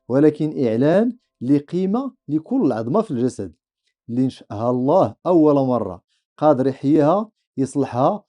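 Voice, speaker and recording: A man's voice: medium pitch, dark tone. A man with a Moroccan accent giving reflective, rhetorical scripted narration for a podcast. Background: faint music.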